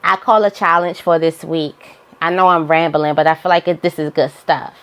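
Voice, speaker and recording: A woman's voice: deep voice, flat delivery, normal speed, fairly bright tone, smooth. A woman giving an informal, motivational spiritual monologue, repeating phrases for emphasis as she guides listeners. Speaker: spiritual guidance host.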